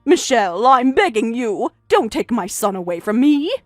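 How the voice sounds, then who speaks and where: A woman's voice: on the high side, very animated, moderate pace, dry recording, studio quality, soft background music. A woman voicing an older pleading mother-in-law. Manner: pleading, defensive.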